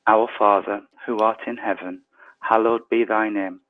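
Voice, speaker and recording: A man leading an online prayer service, his voice tinny through an earpiece mic, reading prayers softly and slowly. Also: lowish voice, steady tone. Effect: tinny sound from a changed earpiece mic. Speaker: service leader. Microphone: earpiece headset mic. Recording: tinny phone-like online call.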